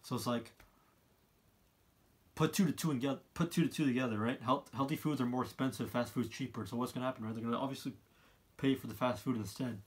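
A man, giving his opinions in a casual monologue, halting and often repeating himself as he rambles. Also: mid-range voice, fairly even intonation. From Canada. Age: 20s. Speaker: vlogger, college student. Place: small room indoors, seated by a wall.

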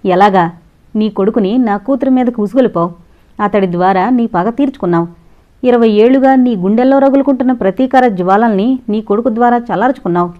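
A woman's voice: fairly high pitch, fairly quick, lightly acted. A woman voicing an anguished middle-aged father and college principal, pleading earnestly, in an audio novel on a dull lo-fi recording. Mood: accusing.

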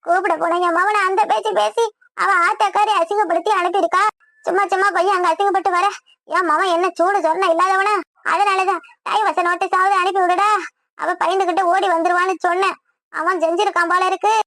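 A woman's voice: extremely high pitch, flat delivery, fairly quick, no echo. A woman voicing a wailing, scheming old village mother in a comedy cartoon, speaking Tamil with a Kanyakumari accent. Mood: lamenting. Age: older. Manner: loud, lamenting, melodramatic. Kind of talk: comic cartoon voice acting.

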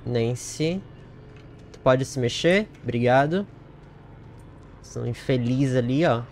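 A man streaming a horror game, commenting as he plays, muttering one moment and shouting shrilly the next, swearing often. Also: slow, a little hiss or hum. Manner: profane, swings from muttering to shrill yelling. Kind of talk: live gameplay commentary.

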